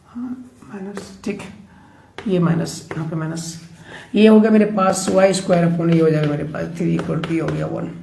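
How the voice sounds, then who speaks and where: Working through a problem on the board, a maths teacher chats with his class and keeps checking in on them. His voice is high, gravelly and warm, and the room is echoey with a little background noise.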